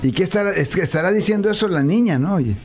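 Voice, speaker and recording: A man hosts a radio show, bantering quickly and jovially with his guests. His voice sits quite high for a man. Faint music plays underneath. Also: lively intonation, darkish tone. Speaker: radio host. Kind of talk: radio interview chat.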